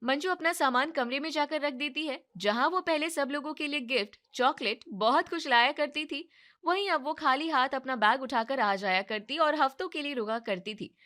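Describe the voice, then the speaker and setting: A woman narrating a family story in an even, scripted storytelling manner. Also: high-pitched, moderate pace.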